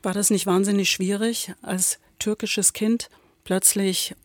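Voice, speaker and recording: A woman hosting a talk show who introduces her guests and asks clear, direct questions. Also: medium pitch, flat delivery, a little slow, no room sound, studio quality. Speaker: host.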